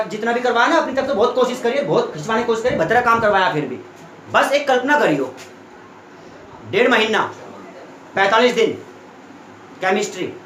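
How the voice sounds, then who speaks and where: A man's voice: sits high, a bit bright, slight background noise. A young man tutoring students in a classroom, explaining chemistry step by step and often checking that they follow. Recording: echoey room.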